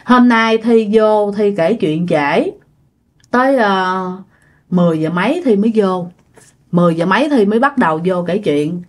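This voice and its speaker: A woman telling ghost stories in a casual spoken way, lively and repeating phrases to build suspense. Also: mid-range voice, moderate pace. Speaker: ghost story narrator.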